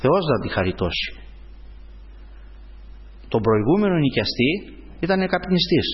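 A man preaching a sermon, telling a personal story and often calling his listeners brothers. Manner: animated storytelling, swings up in pitch. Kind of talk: sermon testimony. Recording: dull sound in a hall with long reverb.

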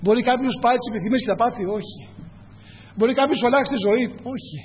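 A man preaching a sermon, speaking earnestly, often addressing his listeners as brothers and asking rhetorical questions. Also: extremely high pitch. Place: church hall. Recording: echoey hall, dull lo-fi, faint hum.

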